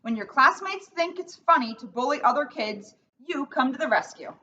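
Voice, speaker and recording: Gentle, reassuring storybook zebra mum voiced by a woman, lively and bright, a bit far from the mic. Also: sits high, normal speed. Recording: distant mic, dull sound, faint noise.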